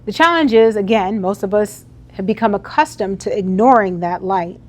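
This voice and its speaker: A woman's voice: mid-range voice, expressive, moderate pace, a little mellow. A woman giving a motivational keynote speech to a live audience in an event hall, talking conversationally and putting questions to the crowd. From United States. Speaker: keynote speaker.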